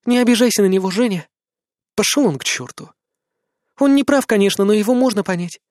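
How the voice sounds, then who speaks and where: A man voicing a gentle, anxious young woman who pleads and sounds weary. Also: high voice, brisk, dry recording, studio quality, pitched above the performer's own voice, lightly acted. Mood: sad, tender.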